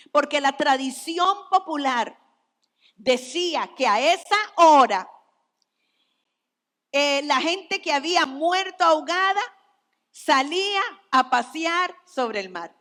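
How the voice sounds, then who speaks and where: A woman pastor delivers a sermon in a high, bright voice, taking her time over each phrase. Her speech swells with emphasis and then sinks to a hush. A long church-hall reverb trails every word. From Costa Rica. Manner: slow, emphatic preaching with dramatic drops to near whispers.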